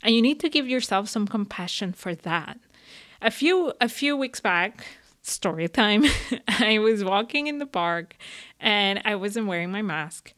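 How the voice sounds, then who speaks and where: A woman of medium pitch talks through self-help advice in a loose, chatty way. She fills her sentences with "like" and "you know" and laughs easily. The recording is dry and close. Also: a bit bright, no echo. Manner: chatty, uses many fillers, laughs often. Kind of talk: casual advice talk.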